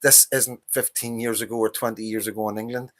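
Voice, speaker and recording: Brisk and flat, with a lowish, slightly bright voice, a man in his fifties from Northern Ireland hosts a livestream. His casual political monologue is a heated, profane rant that keeps repeating itself.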